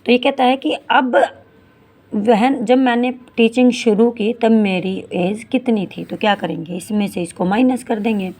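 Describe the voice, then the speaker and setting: A woman in her forties teaching a maths lesson, reading English word problems slowly and explaining each step in Hindi, calling her students beta. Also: fairly high pitch, a little mellow. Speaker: math teacher.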